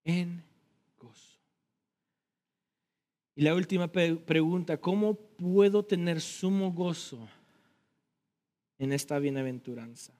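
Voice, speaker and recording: High-voiced, slow-speaking man preaching. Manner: emphatic preaching with swells in loudness and repeated words. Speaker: pastor. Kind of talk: sermon.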